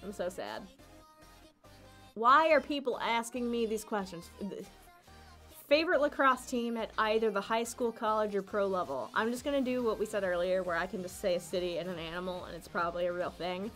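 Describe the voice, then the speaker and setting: A woman's voice: mid-range voice, quick pace, hardly any pauses, faint music behind. A young woman livestreamer answering viewer questions in a casual, rambling chat, often giggling and cutting herself off mid-sentence. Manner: rambling, giggly, self-interrupting.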